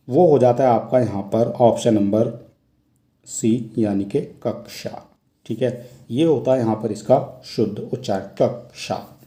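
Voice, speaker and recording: Dark-voiced Hindi tutor in echoey room. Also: male voice, mid-range voice. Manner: explains step by step, repeats each question aloud. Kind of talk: exam question walkthrough lesson.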